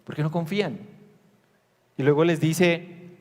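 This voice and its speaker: A man's voice: fairly high pitch, fairly even intonation, unhurried, darkish tone, in a large hall. A man preaching a sermon as a pastor, telling the story with animation, acting out the disciples' lines and asking the congregation questions.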